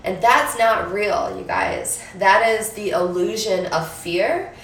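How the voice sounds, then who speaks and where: A woman's voice: mid-range voice, takes it slowly, a bit bright, roomy sound, recorded from a distance, a little hiss or hum. A woman coaching on manifestation in a casual live stream, chatty and upbeat with casual swearing, her voice nasal from a cold.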